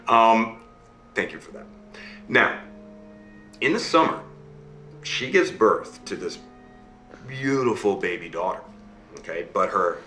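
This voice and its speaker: A dad tells his child a fairy tale over a video call at bedtime, giving each character a voice and asking "okay?" and "right?" along the way. His medium-pitched voice sounds pushed and bright in an echoey room.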